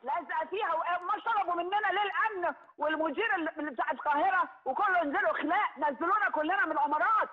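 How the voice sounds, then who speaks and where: A woman's voice: very high-pitched, very fast, few pauses. An Egyptian woman calling into a TV talk show by phone, agitated and repeating her points. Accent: Egyptian Arabic. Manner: agitated, pleading, repeating herself. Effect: heard over a phone line on air. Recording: dull lo-fi phone audio.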